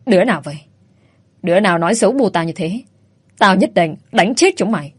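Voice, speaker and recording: A woman's voice: lowish voice, a little mellow, no room sound, close to an everyday voice. Woman voicing an impatient hot-headed young master. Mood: angry. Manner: impatient, quick.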